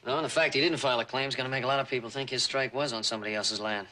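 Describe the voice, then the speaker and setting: An actor playing an earnest, plain-spoken rancher's son in a TV western. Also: male voice, mid-range voice, fairly even intonation, rapid-fire, pushed and bright, natural voice. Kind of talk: TV western drama acting.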